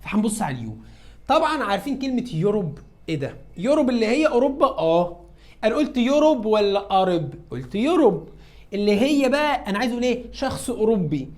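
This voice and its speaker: A man's voice: sits high, sing-song, racing, darkish tone. A man with an Egyptian Arabic accent teaching an English lesson. He asks questions and answers them himself, and speaks some lines in his students' voices. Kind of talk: classroom lesson.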